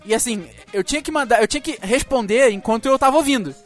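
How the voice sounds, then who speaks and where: A man's voice: very high voice, quick pace, faint music behind. A man co-hosting a casual podcast chat, telling stories and asking the others questions. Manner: animated storyteller, asks the others questions. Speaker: podcast co-host.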